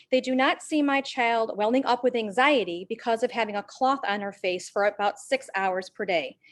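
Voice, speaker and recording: A woman who is a parent and a teacher, reading a prepared public comment and slowing to stress key words. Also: a little high. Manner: measured, stresses key words, slows for emphasis.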